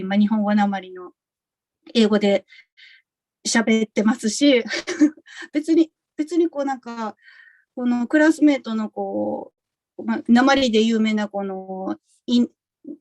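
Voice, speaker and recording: A woman's voice: medium pitch, a little mellow. A woman on a webinar panel chatting candidly about accents in her class, laughing easily. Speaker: MBA student panelist. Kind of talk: casual webinar Q&A answer.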